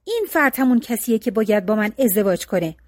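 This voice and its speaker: A woman's voice: mid-range voice, lively intonation, dry recording, clean studio sound, lightly acted. A woman voicing an eager, commanding young princess in a storybook reading, speaking in a raised, exclaiming voice. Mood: excited.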